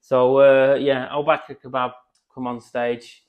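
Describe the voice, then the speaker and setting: A man co-hosting a comedy podcast, reading out silly band names with deadpan jokes and sweary teasing. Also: medium pitch, unhurried, narrow, tinny audio. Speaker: podcast co-host. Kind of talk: casual comedy chat.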